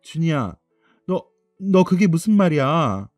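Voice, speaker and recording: A man doing a gentle worried mother. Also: a little high, big pitch swings, measured pace, no echo, soft background music, pitched above the performer's own voice. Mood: shocked. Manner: soft, coaxing. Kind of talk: radio drama acting.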